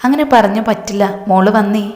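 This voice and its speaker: A woman voicing a caring older mother who speaks softly and coaxingly. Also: mid-range voice, a little fast, close to an everyday voice. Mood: tender. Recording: echoey room with long reverb.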